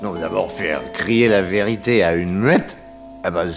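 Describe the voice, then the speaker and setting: In a 1960s French radio comedy serial, a performer plays a brash, excitable male private eye who recounts his case theatrically and with comic hesitation. He speaks low at a normal pace over background music, sounding explanatory and boastful.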